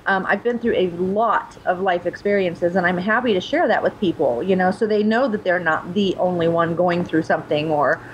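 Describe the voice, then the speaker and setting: A woman's voice: lowish voice, normal speed, hardly any pauses, slight background noise, rough recording. A woman in her forties, a guest on a video call from home, talking openly and earnestly about her life. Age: 40s. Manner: open, earnest, agreeable. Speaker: guest streamer. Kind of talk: casual video-call chat. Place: home room indoors. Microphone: laptop webcam mic on video call.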